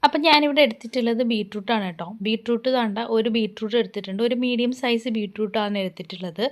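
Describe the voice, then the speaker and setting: A woman from Kerala, hoarse from a cough, explaining a home remedy step by step in a chatty, reassuring way. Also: fairly high pitch. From Kerala, India. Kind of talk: casual home tutorial.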